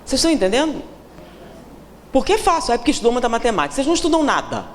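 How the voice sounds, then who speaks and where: A Brazilian woman with a Brazilian Portuguese accent gives a seminar lecture in a lecture hall, her voice high-pitched, very animated and racing. She teases the audience with questions and acts out the people she quotes, with the hall reverberant and faint room noise behind her.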